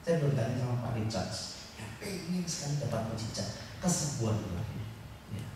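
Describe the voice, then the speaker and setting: A man preaching a lively, joking sermon to his congregation, with a Javanese-tinged accent. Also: medium pitch, brisk, recorded from a distance, very noisy. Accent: Javanese-tinged Indonesian. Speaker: pastor. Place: church hall. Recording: echoey hall, picked up from afar.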